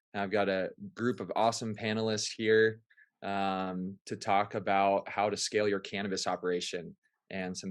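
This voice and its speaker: A man hosting a webinar panel, relaxed and easygoing, with lots of ums. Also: fairly low pitch. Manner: relaxed, easygoing, filler-heavy. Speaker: webinar host. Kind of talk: casual hosting. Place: remote webinar call. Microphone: video call.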